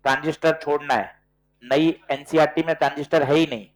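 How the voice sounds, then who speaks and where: A man teaching physics to a class, working problems aloud and coaxing students with quick questions. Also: fairly high pitch, steady tone, rough recording. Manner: brisk, coaxing, quizzes students with short questions. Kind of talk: classroom lecture with problem solving.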